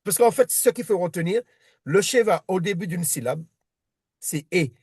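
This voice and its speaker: A man's voice: high voice, lively intonation, normal speed, a little mellow, slightly rough, dry recording, clean studio sound. A man teaching a one-on-one reading lesson, patient and repetitive, often restarting his sentences. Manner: patient, repeats himself, many restarts.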